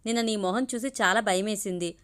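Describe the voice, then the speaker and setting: Gentle caring young man, read by a woman. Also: mid-range voice, steady tone, brisk, clean tone, natural voice. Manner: gentle, reassuring. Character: kind, caring young male colleague. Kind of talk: audiobook character reading.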